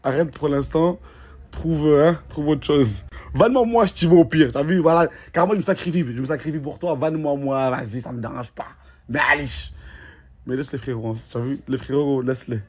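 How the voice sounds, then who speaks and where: A man's voice: a little high, a little fast, a little mellow, slightly rough. A man with a Marseille French accent, talking in casual slangy chat and teasing a friend with mock warnings. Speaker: vlogger.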